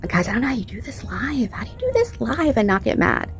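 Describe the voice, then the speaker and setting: A woman hosts a reaction channel, commenting on clips casually and with strong opinions, leaning on repetition and rhetorical questions. Her voice is on the high side with huge pitch swings and a quick pace, over soft background music.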